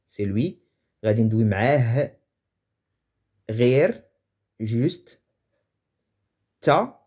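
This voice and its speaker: A man's voice: mid-range voice, darkish tone, husky. Man teaching, hesitant and chatty. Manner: hesitant, thinks aloud with restarts and chuckles. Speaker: Moroccan Arabic teacher. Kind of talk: casual explanatory lesson.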